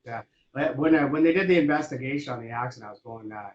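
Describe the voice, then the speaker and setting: A man, a guest in a casual interview, telling his story in a relaxed, rambling way full of fillers. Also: medium pitch, racing, dull audio. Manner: relaxed and rambling, with many fillers like "you know".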